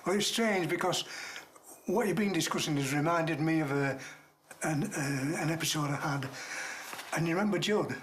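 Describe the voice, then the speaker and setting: An older man, a retired coal miner telling mining stories in a halting, dialect-rich way. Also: fairly high pitch, slight background noise. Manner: halting, dialect-rich, acts out shouts in his tales. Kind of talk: casual reminiscing storytelling.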